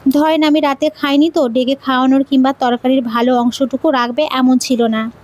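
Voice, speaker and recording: A woman voicing a quick-tempered young bride, answering in playful, pouting retorts. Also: sits high, little pitch movement, a little mellow, natural voice.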